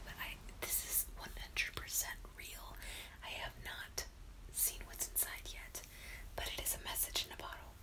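A young woman chatting in a playful whisper for an ASMR video, close to the microphone. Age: young adult. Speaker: ASMR creator.

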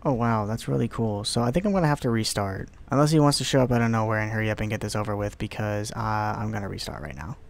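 A man's voice: on the low side, fast talker, hardly any pauses. Young guy doing a lets play, gets worked up, swears, mutters to himself. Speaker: let's play gamer. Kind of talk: casual horror game commentary.

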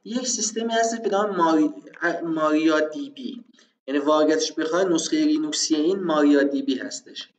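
A man with a fairly high voice explains database software in a relaxed, conversational way. He keeps asking himself rhetorical questions and filling pauses. The sound is roomy and muffled, like a cheap mic in a bare room. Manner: conversational, rhetorical self-questions, frequent fillers. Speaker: programming instructor. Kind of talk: screen-recorded tutorial explanation.

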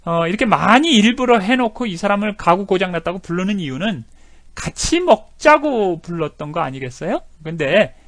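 In a high-pitched voice, an animated male teacher runs an English video lesson, repeating words again and again to demonstrate their pronunciation. The recording is dry.

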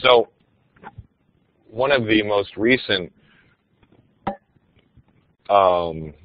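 A man's voice: on the low side, very slow, dull audio. A man, a teacher, giving a casual, enthusiastic webinar presentation with frequent ums.

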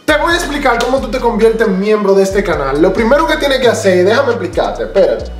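A young man with a Dominican Spanish accent and a strikingly high voice addresses his viewers. He talks in animated street slang, like a comedy host making an announcement. The room echoes, and light music plays behind him. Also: brisk. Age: young adult. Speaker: YouTube comedy creator, host. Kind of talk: comedic direct-to-camera channel announcement. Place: small indoor room with bare wall.

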